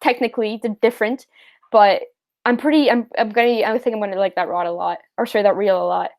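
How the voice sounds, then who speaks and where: A young Canadian woman hosts a fishing livestream, reading out viewer questions and chatting casually with plenty of fillers and easy laughter. Her voice is medium-pitched and a little mellow, moving quickly with fairly even intonation. She's chatty and tends to ramble.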